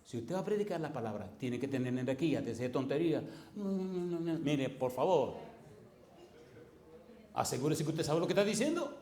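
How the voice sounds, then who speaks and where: A man's voice: on the high side, a little fast, roomy sound. A man, a pastor teaching a class for preachers, telling stories with acted dialogue and firing rhetorical questions at his listeners. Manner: animated storytelling, acts out dialogue.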